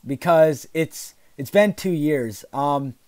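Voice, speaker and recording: A man's voice: fairly high pitch, takes it slowly, a little mellow, no room sound. Ranting, exasperated, swearing gamer guy. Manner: heavy profanity. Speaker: gaming commentator. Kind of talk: live commentary rant, casual chat.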